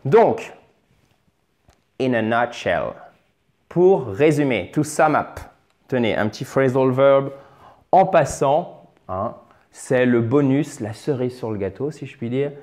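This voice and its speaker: A man's voice: mid-range voice, animated, slow pace, pauses often, darkish tone. A man teaching English pronunciation in French, patiently repeating and drilling words, with chatty asides and self-corrections. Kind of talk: French-language English lesson at a board.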